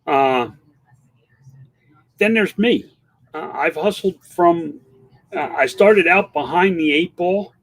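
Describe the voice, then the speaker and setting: A man in his fifties talks candidly and loosely, like someone hosting a casual livestream. His voice sits a touch higher than most men's, and he stumbles through restarts and fillers as he answers comments. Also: animated, takes it slowly, pauses often, a bit bright. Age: 50s. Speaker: online seller and livestream host. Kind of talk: casual livestream chat reading viewer comments.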